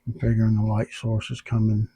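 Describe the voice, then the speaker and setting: This man has a fairly low, monotone, mellow voice and talks fairly quickly, with a little hiss or hum in the audio. He's an airbrush artist with the hiccups, chatting casually and muttering to himself while he works in his home workshop under overhead lights, filmed on a tablet camera.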